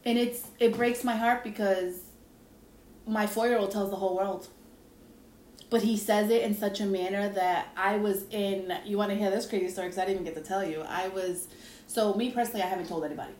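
A young woman hosting a casual podcast chat, telling a story with lively quoted voices. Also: mid-range voice, a little fast. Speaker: podcast host. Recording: echoey room with faint hiss.

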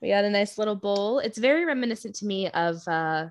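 A young woman chats on a casual podcast with a mid-pitched voice. She giggles often and rambles with fillers as she talks. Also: lively intonation, fairly quick. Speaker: podcast co-host.

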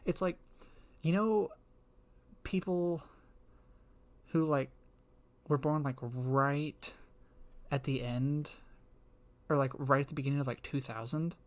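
A young man co-hosts a laid-back podcast, his voice fairly high and slow with frequent pauses. He rambles, sprinkles "like" through his speech, and laughs a lot.

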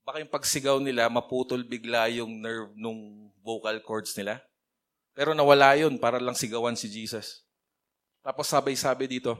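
A man's voice: medium pitch, a bit bright. A man giving a casual, conversational sermon, mixing English phrases into his talk and calling on listeners by name. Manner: chatty, mixes English phrases into his speech. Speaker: preacher.

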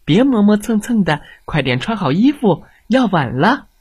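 A mother in a children's storybook, fussing one moment and soothing the next, heard in a high, sing-song voice as a male narrator puts her on. Her lines come slowly and huskily, and the pitch leaps about with lively swoops. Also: breathy edge, dry recording, full character voice. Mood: scolding. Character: adult mother, alternately nagging and tender.

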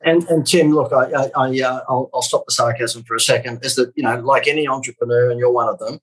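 Australian man, 50s, podcast guest; raspy edge, quick sales patter, deadpan sarcasm. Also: mid-range voice, rough recording. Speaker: marketing guest. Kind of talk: casual podcast interview.

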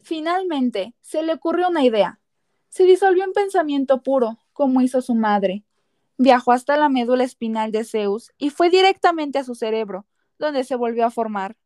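A woman's voice: high-pitched, animated, normal speed, darkish tone, no room sound, clean studio sound. A woman narrating a scripted story dramatically as a podcast narrator.

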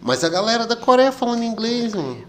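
A man hosting a podcast, chatting in a slangy, joking, relaxed way as he tells his own stories. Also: very high voice, fast talker. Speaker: podcast host. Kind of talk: casual podcast chat.

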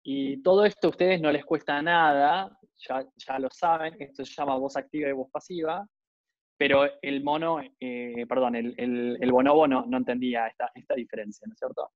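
A man's voice: mid-range voice, steady tone, moderate pace, no echo. Man, Argentine accent, university lecturer, conversational, keeps checking in with listeners, slightly dull lo-fi sound. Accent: Rioplatense Argentine Spanish. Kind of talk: informal lecture.

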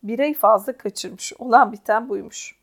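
A woman narrating an audiobook in a calm, measured first-person voice. Her voice sits somewhat high.

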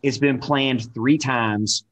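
A man co-hosting a casual podcast chat, relaxed and quick to laugh. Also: medium pitch, a little hiss or hum. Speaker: podcast co-host.

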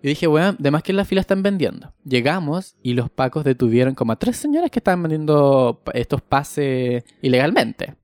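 Animated young Chilean man telling a story. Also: a little high, a little fast, hardly any pauses, no echo. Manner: animated, acts out the voices of people in his stories. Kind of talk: casual storytelling chat.

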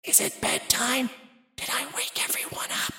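A man's voice: medium pitch, sing-song, normal speed, pitched above the performer's own voice, natural voice. A man voicing a small, cheerful and naive male training robot in a storybook reading; guileless and chatty, catching himself when he says too much. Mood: whispering. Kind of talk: storybook narration with voiced characters.

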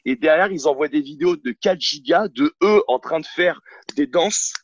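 A man's voice: fairly high pitch, lively intonation, normal speed, no room sound, muffled recording. A man working as a sports coach, guest on a podcast, talking bluntly and outspokenly in a casual interview, with many hesitations and restarts. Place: at home on a couch, filming himself. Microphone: camera mic.

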